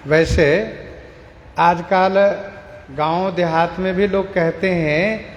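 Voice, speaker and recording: High-voiced man expounding scripture in a hall. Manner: slow, measured explaining of verses, repeating lines for emphasis. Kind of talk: devotional scripture discourse. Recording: echoey hall with long reverb and faint noise.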